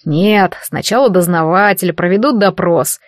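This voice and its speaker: A woman reading an audiobook voices a burly male guard who mocks and bullies his captive in a gruff, rough way, recorded close and dry. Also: on the low side, normal speed, dry recording, close to an everyday voice. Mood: mocking. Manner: gruff, jeering. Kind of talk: audiobook character voice.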